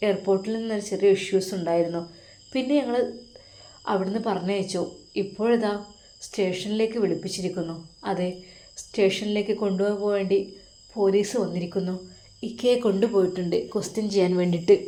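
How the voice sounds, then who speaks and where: A woman's voice: mid-range voice, steady tone, fairly quick, pauses often, warm tone, lightly acted. A woman with a Malappuram Malayalam accent voicing an anxious young married daughter in a storybook reading. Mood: worried. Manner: worried, pleading.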